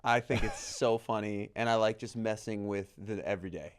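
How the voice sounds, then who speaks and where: A man's voice: on the low side, steady tone, normal speed, clear, resonant tone. A man hosting a podcast, eager and affirming as he chats with his guest. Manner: eager, affirming, laughs along. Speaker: podcast host. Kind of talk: casual conversation.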